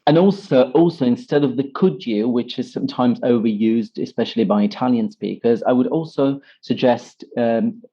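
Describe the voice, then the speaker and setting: A man, an English teacher, patiently explaining example phrases in an interview, with lively emphasis on each one. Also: medium pitch, moderate pace, hardly any pauses. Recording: slightly dull lo-fi sound.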